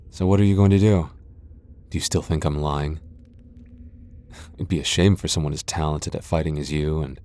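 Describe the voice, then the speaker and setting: A man portrays a haughty vampire lord for an ASMR roleplay drama, his voice pitched extremely low with a dark, mellow quality. The character is a sardonic, guarded loner who keeps everyone at a distance.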